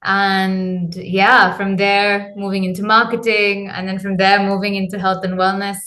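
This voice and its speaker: A woman's voice: mid-range voice, flat delivery, measured pace, sharp tone. A woman in her thirties, a coach from Zambia, answering interview questions casually with many ums and uhs. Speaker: guest, men's clarity coach.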